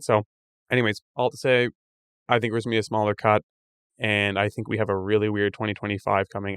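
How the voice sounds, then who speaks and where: Canadian guy cohosting a podcast, talks fast, smooth clear voice, dry sound. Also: lowish voice, no echo. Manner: fast, animated, thinking aloud. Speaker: podcast co-host. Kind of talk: casual chat.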